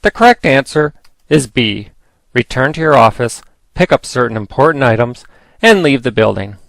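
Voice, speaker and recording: A man's voice: medium pitch, animated, normal speed, creaky, fairly bright tone, no room sound. A man reading scripted instructional narration in a formal, instructive manner. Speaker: training narrator.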